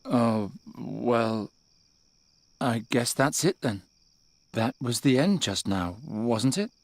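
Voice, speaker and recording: A man's voice: mid-range voice, expressive, slow, no room sound. Geron, a hesitant young man. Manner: hesitant, questioning delivery. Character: young male adventurer, hesitant and puzzled. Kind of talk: game voice acting.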